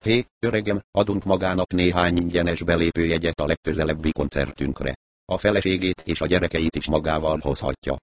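Nervous bargaining man, pleading, deep voice, read by a man, audiobook. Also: fairly even intonation, natural voice.

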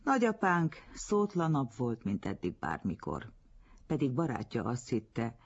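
Gravelly, husky male storyteller. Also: mid-range voice. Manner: expressive storytelling reading. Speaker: narrator. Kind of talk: literary audiobook narration. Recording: dull lo-fi recording.

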